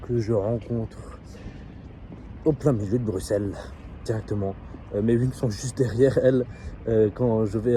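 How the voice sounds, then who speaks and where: A man's voice: medium pitch, dark tone. A man from France with a French accent, telling a story in a casual vlog, chatty and full of filler hesitations, recorded outdoors in a city. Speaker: seduction coach vlogger. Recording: faint outdoor street noise.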